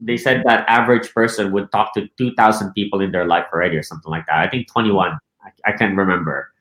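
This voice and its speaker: A man's voice: deep voice, fast, a bit bright, reverberant, rough recording. A man from the Philippines, a real estate team leader, talks casually in an interview, often checking with "right?" and restarting his sentences. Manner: repeats words and restarts, asks "right?" often.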